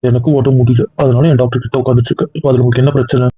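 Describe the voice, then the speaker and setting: A man's voice: medium pitch, level tone, racing, slightly rough, dry recording, lightly acted. An actor playing a stern young man who lectures his family in a comedy-drama skit. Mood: stern lecturing. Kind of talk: casual web-series acting. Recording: tinny phone-like dry sound.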